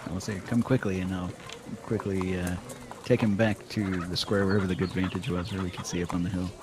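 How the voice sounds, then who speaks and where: A man's voice: deep voice, level tone, fast. A man playing in a tabletop game, thinking aloud as he plots his moves, over a noisy recording. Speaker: player. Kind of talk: casual tabletop game talk. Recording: noisy home podcast recording.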